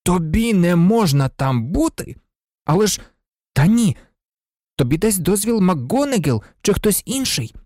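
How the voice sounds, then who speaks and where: An audiobook reader voicing an excitable, blunt teenage boy who blurts out his ideas eagerly. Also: medium pitch, unhurried, dry recording, clean studio sound, voice pushed up. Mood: insistent. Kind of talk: audiobook character reading.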